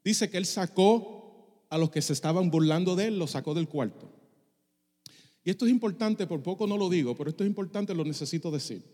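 A man's voice: high voice, fairly quick, dark tone, big-room sound. A middle-aged male pastor preaching a passionate sermon, dropping English phrases into his Spanish. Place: church sanctuary.

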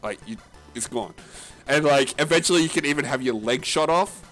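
A man co-hosting a casual gaming podcast, talking in a rambling, halting way full of fillers and restarts, with a casual, profane manner. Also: on the high side, a bit bright, faint music behind. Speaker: podcast co-host.

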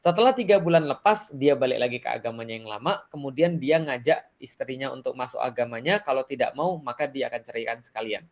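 A man's voice: medium pitch, animated, quick pace, hardly any pauses. A middle-aged man, an Islamic preacher, earnestly telling true stories in casual religious talk, with many fillers.

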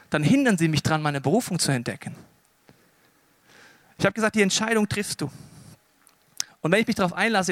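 Animated high-voiced preacher. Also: male voice, no echo, clean studio sound. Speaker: pastor. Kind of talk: sermon.

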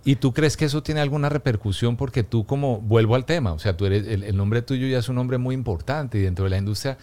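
A man's voice: mid-range voice, fairly quick, dark tone. A man with a Colombian accent hosting a casual interview, agreeable and backing the guest with short affirmations. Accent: Colombian Spanish. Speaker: podcast host.

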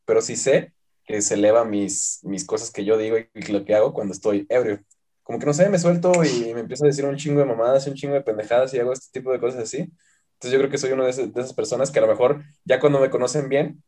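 Fast-talking slangy Mexican young man. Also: medium pitch, warm tone. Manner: slangy, rambling, swears freely. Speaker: podcast guest. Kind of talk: casual chat.

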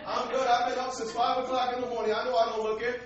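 High-voiced American male preacher in echoey hall. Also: level tone, quick pace. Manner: streetwise colloquial delivery with rhetorical questions and calls for response. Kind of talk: sermon to a congregation. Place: large echoey indoor room, church service. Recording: echoey hall, distant dull mic, faint noise.

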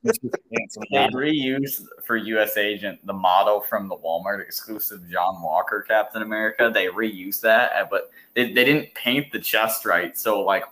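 A man with a bright, sharp tone lays out details plainly on a podcast. He sounds matter-of-fact and steady. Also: lowish voice, rough recording. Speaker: podcast co-host. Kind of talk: casual chat.

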